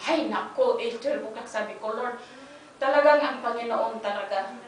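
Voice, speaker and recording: High-voiced woman testifying in echoey hall. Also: moderate pace. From Philippines. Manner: animated storytelling, acts out dialogue, mixes in English. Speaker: guest speaker giving a testimony. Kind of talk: inspirational church talk. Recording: echoey hall, distant mic, faint noise.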